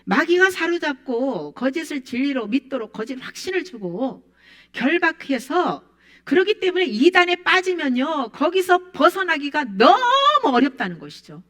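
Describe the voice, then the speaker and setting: Emphatic Korean woman preaching, lively pitch. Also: normal speed. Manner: emphatic, rising and falling preaching voice. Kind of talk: sermon.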